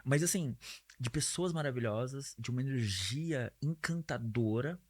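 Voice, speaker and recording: Husky man, podcast host, casual and chatty, slangy. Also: mid-range voice, moderate pace. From Brazil (São Paulo). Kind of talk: casual conversational interview.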